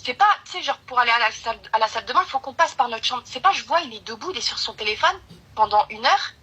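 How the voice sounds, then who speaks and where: A young woman rushes through a personal story, piling up slang and restarting her sentences. Her voice is bright and husky, and it sits a little high. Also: lively intonation, muffled recording. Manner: rambling, urgent slangy retelling with many restarts. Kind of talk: casual storytime chat.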